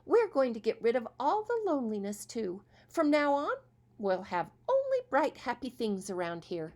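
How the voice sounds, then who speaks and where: A woman's voice: lowish voice, sing-song, unhurried. Woman playing a cheery, firm stepmother. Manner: bright and bustling. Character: cheery bustling stepmother, kind but firm. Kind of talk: storybook reading.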